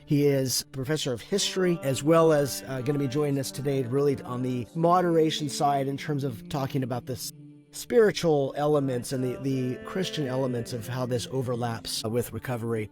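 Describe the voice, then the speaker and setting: A man hosting a faith podcast, introducing guests in a measured, earnest way with some fillers. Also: medium pitch. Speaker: podcast host and moderator.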